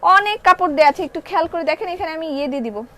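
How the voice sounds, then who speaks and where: This is a young Bangladeshi woman selling clothes on a live stream. Her voice sits high, and she speaks with a Bengali accent. She chats freely, reads out comments and drops English phrases as she goes. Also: animated, rapid-fire, sharp tone, slight background noise. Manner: chatty, reads viewer comments aloud, mixes in English phrases. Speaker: online clothing seller hosting a live sale. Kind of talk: live-stream sales chat.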